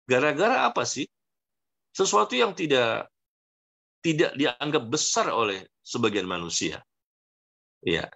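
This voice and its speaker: A man's voice: medium pitch, gravelly, fairly bright tone. A man preaching a sermon to a congregation, earnestly warning and rising to emphatic peaks.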